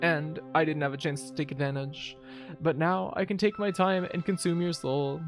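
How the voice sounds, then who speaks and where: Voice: mid-range voice, steady tone, normal speed, soft background music, natural voice. A player voicing a gloating female devil while reading video game dialogue aloud. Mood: smug, gloating. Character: gloating female devil possessing a lover's body.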